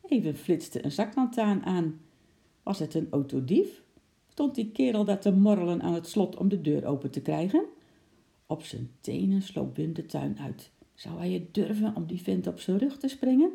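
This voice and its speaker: A storyteller reading a children's story aloud in a calm, even manner. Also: mid-range voice, moderate pace, vocal fry.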